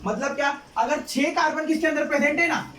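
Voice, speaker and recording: High-voiced man quizzing a class. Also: fairly even intonation, brisk, a bit bright, a little hiss or hum. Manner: repetitive, quizzing students with questions. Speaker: chemistry teacher. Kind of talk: classroom lecture in Hindi. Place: classroom with students. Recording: echoey classroom, distant mic, student chatter. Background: students.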